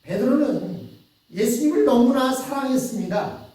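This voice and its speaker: A man's voice: extremely high pitch, lively intonation, moderate pace, mellow. A male pastor with a Chungcheong Korean accent preaching a Sunday sermon in storytelling style, asking the congregation questions. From Chungcheong, South Korea. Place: church sanctuary. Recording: echoey church hall from far off.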